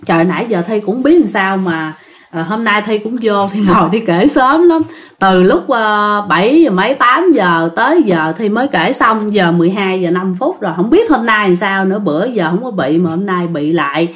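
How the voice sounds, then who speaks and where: A woman's voice: medium pitch, expressive, normal speed. Chatty woman storyteller. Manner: chatty, addresses listeners directly. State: a bit tired. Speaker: ghost story channel host.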